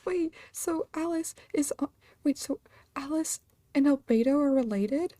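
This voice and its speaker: A woman with a high, mellow voice reacts casually to a game she is streaming. She talks slowly, close and dry, with faint music behind. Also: no echo.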